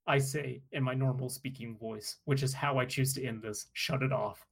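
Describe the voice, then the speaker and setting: A man with a gravelly, fry-tinged voice co-hosts a casual podcast. He banters in a dry, self-mocking way. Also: medium pitch, fairly even intonation, moderate pace. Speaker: podcast co-host. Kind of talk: casual chat.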